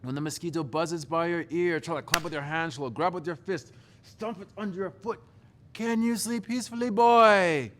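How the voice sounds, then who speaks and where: A man voicing his stern African father, talking slowly and commandingly. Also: fairly high pitch, noisy background, voice pushed up, natural voice. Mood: grave. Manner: commanding, drawn-out proverb-giving.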